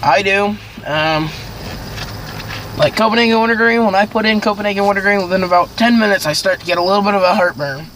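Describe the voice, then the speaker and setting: Young male amateur reviewer, high-pitched, halting and casual, rambling delivery over clearly noisy audio. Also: a bit bright. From northern Maine, United States. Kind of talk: casual vlog chat.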